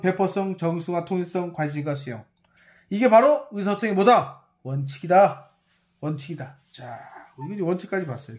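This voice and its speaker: A university professor giving a recorded lecture, repeating key words and checking understanding with quick rhetorical questions while writing on screen. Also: mid-range voice, darkish tone.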